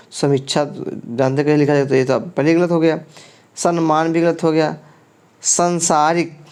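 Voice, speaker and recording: A man's voice: on the high side, darkish tone. A male teacher working through exam questions one by one, asking the class about each answer and then giving it. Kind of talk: exam prep lesson going through quiz questions.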